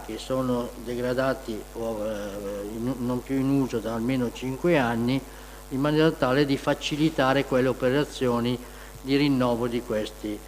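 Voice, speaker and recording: A man speaking through a face mask, giving a halting, formal technical explanation as an engineer at a council meeting. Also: medium pitch. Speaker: municipal engineer presenting to a town council. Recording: noisy, reverberant meeting hall.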